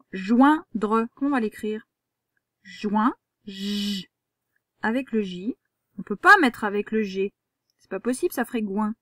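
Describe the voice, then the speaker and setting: A woman's voice: medium pitch, a bit bright, no echo, studio quality. A woman, a primary school teacher giving a patient, step-by-step handwriting lesson to a young child.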